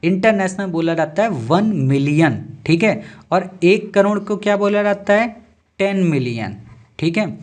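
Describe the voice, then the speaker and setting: High-voiced man teaching maths. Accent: Hindi. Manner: asks and answers his own questions, repeats "ठीक है" often. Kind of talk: classroom lecture.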